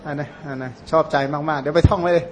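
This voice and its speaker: A monk whose first language is Khmer, giving an informal, rambling Dhamma talk with many fillers and self-corrections. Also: male voice, fairly high pitch, steady tone, fast, slight background noise. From Surin, Thailand. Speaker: Buddhist monk teacher.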